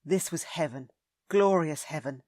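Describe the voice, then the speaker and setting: Woman audiobook narrator, low and soft, intimate romance read, dry sound. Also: measured pace, no room sound.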